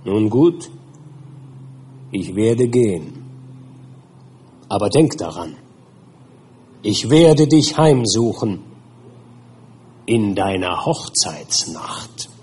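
Vengeful male creature, slow husky menace, read by a man. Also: lowish voice, very animated, heavily acted. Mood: ominous. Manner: hushed, dragging threats swelling to outbursts.

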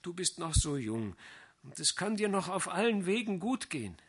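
A man voicing a young village man who speaks softly and tenderly, in an audiobook reading. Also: high voice, sing-song, moderate pace, slightly rough, voice pushed up, full character voice. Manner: soft, tender, subdued. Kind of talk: audiobook character voice.

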